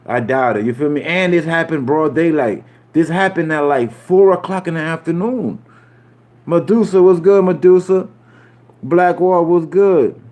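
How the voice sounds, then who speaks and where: A man from Puerto Rico talks to his live chat in a slightly high, somewhat mellow voice at a moderate pace. His loose, rambling stream commentary uses street slang, repeats points, and includes "you feel me" asides.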